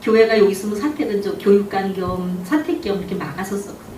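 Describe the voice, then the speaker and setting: A woman's voice: mid-range voice, fast, warm tone, a little hiss or hum. A woman pastor preaching a sermon built on a personal testimony, telling her story through rhetorical questions to the congregation. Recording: echoey room, distant mic, faint background.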